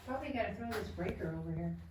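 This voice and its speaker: A woman's voice rings with a cave-like echo as she picks her way through a dark underground bunker. She speaks at a middle pitch in a hushed, wary, casual way. Heavy noise hangs behind her. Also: animated, rapid-fire, far from the mic. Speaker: visitor exploring an old fort. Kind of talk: casual walkthrough chat. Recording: echoey bunker, loud background noise.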